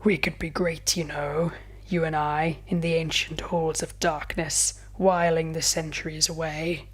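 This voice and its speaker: Woman doing a low, drawling male vampire, seductive menace, thick purr. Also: little pitch movement, a little slow, breathy edge. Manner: thick, purring, salivating drawl.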